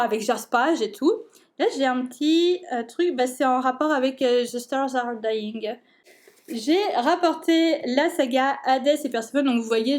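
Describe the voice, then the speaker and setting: High-voiced young woman gushing about books. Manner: excited, gushing, many fillers and restarts. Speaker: book vlogger. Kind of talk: casual chat.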